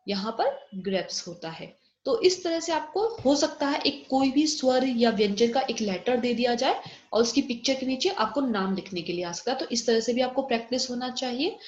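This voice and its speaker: A woman teacher with an Indian accent giving a recorded school Hindi lesson, explaining words slowly, mixing in English meanings and often asking whether it is clear. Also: a little high, darkish tone. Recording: roomy, dull lo-fi home recording.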